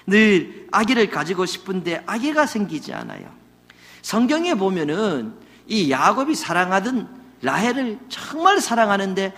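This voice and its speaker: A pastor preaching a sermon, telling stories with loud emphasis that drops to quiet asides, in a church sanctuary. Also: male voice, high voice, gravelly. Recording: long hall reverb.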